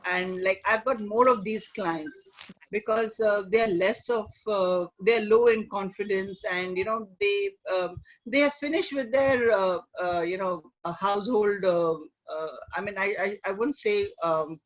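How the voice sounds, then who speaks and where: A middle-aged woman with an Indian accent speaks conversationally as an interview guest, in a halting way peppered with "you know". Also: mid-range voice. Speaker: guest, image consultant. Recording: dull lo-fi online call audio.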